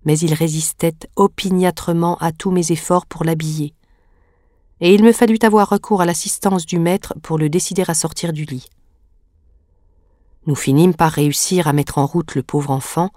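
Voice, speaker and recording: A woman with a lowish voice narrates a classic novel at a measured, even pace. The sound is dry and close to the mic, with no room echo. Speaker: audiobook narrator. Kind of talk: literary audiobook narration.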